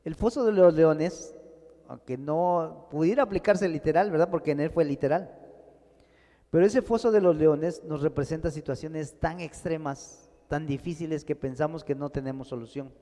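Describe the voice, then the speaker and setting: A man's voice: fairly high pitch, moderate pace, warm tone, long reverb tail. A man preaching a sermon in a church, speaking to the congregation as brothers with rising and falling emphasis. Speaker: pastor.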